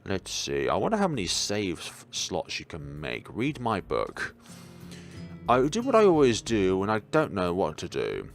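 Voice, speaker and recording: Reading a visual novel aloud for a let's play, this young man is expressive, occasionally trips over words, and adds offhand commentary. He speaks low, gravelly and at a measured pace, with faint music in the background.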